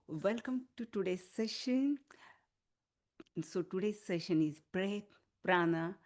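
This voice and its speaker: A woman leading an online wellness class as a healing teacher, giving soothing, unhurried instruction. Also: lowish voice, mellow. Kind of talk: online wellness class talk with guided relaxation.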